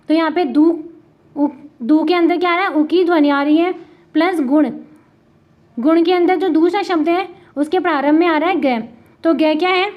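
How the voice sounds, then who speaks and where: Female tutor, high voice, Rajasthani accent, patient self-questioning classroom delivery, dull lo-fi recording. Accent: Rajasthani Hindi. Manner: asks and answers her own questions; spells out letters slowly. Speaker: Hindi grammar tutor. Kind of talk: classroom lesson.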